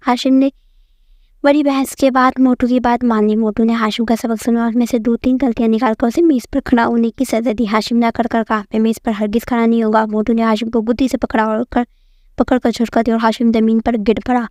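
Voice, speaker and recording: A woman's voice: fairly high pitch, level tone, darkish tone, no room sound, clean studio sound. A woman narrating a story, speaking directly and friendly to her viewers.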